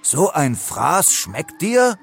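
A man's voice: on the high side, drawn-out words, gravelly, a little hiss or hum, voice pushed up, heavily acted. A man doing a boastful clumsy lion king. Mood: excited. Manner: excitable, whiny, boastful.

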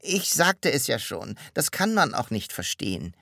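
A woman's voice: extremely low pitch, very animated, measured pace, creaky, a bit bright, breathy edge, dry recording, clean studio sound, pitched above the performer's own voice, heavily acted. A woman voicing a fussy, gloomy grown man who complains in a plaintive, exasperated way. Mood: aggrieved.

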